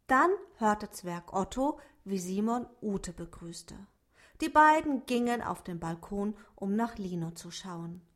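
A woman reading a children's story aloud, expressive and pausing to ask her listeners questions. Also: medium pitch.

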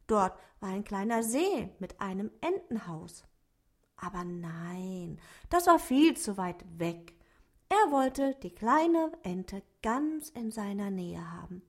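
A woman reading a children's story aloud slowly and expressively, dropping to soft tones at times. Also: medium pitch. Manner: slow, expressive, soft passages.

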